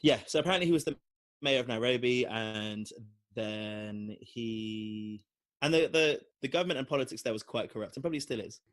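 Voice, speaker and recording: A man's voice: medium pitch, moderate pace. A young man from London with a London accent, telling a long personal story on a podcast with lots of fillers. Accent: London English. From London, England. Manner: rambling, animated storytelling with frequent fillers. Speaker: podcast co-host. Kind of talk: casual storytelling chat.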